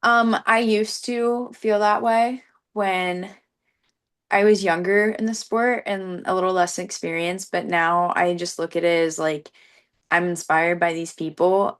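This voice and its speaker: Young woman athlete in a casual interview, kinda low voice, earnest, says like a lot. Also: steady tone, measured pace. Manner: earnest, frequent "like" as filler. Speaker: competitive runner being interviewed.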